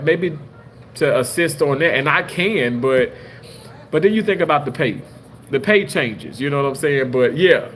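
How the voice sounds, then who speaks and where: Man, late 30s, surgical assistant, rambling animated storyteller, slightly high voice. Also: slight background noise. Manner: rambling, animated, many restarts. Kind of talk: casual storytelling monologue.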